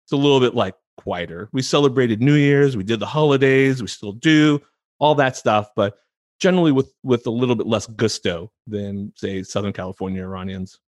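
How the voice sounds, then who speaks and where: An American man in his thirties talks easily as a guest in an interview, laughing often and restarting his sentences. His pitch sits in the ordinary middle for a man. The sound is close and dry, with no room echo. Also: normal speed. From United States, San Francisco Bay Area. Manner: chatty, laughs easily, repeats words when starting a thought. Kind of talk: casual interview conversation.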